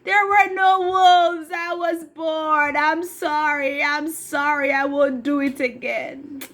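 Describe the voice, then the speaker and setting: A woman voicing a young shepherd boy who cries out loudly and pleads with the villagers. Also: high voice, steady tone, slow pace. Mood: pleading. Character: young shepherd boy, bored then frightened.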